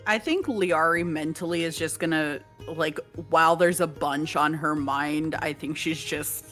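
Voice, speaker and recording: A woman's voice: low voice, a bit bright. A woman chatting casually as a player in a tabletop game. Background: background music.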